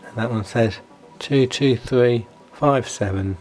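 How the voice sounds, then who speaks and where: A man talks casually through a review of his model railway. His voice sits at a middle pitch, and he sounds like a hobbyist showing his layout. Faint music plays behind him. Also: takes it slowly, darkish tone. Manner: playfully spooky, exclaiming in mock surprise at times. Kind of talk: casual hobby video commentary.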